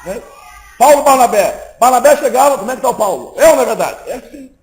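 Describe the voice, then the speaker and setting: A man preaching a sermon in a lively, conversational way, acting out small exchanges between people. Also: extremely high pitch, fast, low-quality recording. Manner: lively, conversational preaching that acts out little dialogues. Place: church meeting, indoors.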